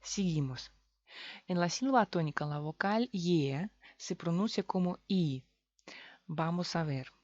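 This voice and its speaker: A woman from Russia speaking Spanish with a Russian accent, teaching a language lesson, explaining slowly and repeating example words. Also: lowish voice, a little mellow, no echo, muffled recording.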